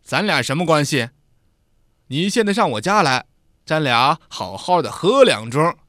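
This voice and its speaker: A man voicing a menacing, domineering man fresh out of prison who bullies and sneers in a loud voice. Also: on the high side, big pitch swings, a little slow, dry recording, clean studio sound, full character voice. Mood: bullying.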